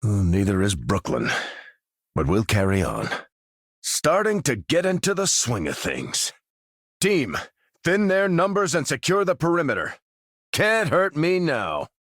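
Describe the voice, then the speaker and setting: An actor with an American accent playing a dutiful, resolute soldier who commands a superhero team in a video game, firm and plain-spoken. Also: male voice, mid-range voice, wildly swooping pitch, unhurried, fairly bright tone, no room sound, clean studio sound, full character voice. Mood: urgent, commanding. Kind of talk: video game character voice lines.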